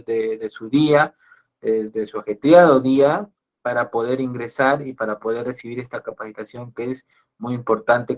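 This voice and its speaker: A Peruvian man lecturing as a psychologist in an online class. His voice sits at an average pitch, and he talks straight to his listeners. He keeps circling back and restarting his phrases. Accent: Peruvian Spanish. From Peru. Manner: repetitive, restarts phrases often, addresses audience directly. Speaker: psychologist giving a webinar talk.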